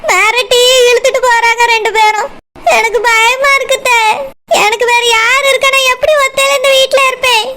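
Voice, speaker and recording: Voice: very high-pitched, level tone, moderate pace. A performer voicing a frightened young wife in a cartoon, with a Kanyakumari Tamil accent, pleading and weepy. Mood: tearful. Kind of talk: cartoon voice acting. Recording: loud background noise.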